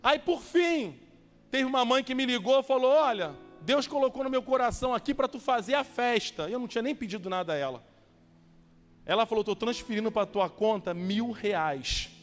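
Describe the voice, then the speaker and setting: High-voiced pastor preaching in a hall. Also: male voice, expressive, fairly quick. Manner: storytelling preacher acting out dialogues, urging. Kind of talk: sermon.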